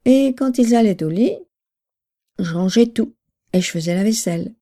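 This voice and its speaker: A woman's voice: mid-range voice, animated, moderate pace, mellow. A woman voicing a chatty, gossipy old country mother in a storybook, rambling in homely talk.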